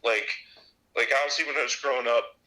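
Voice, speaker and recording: A man in his twenties from Illinois, a podcast guest talking in a halting way with many restarts. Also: mid-range voice, bright, forceful tone, rough recording. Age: 20s. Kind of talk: casual chat.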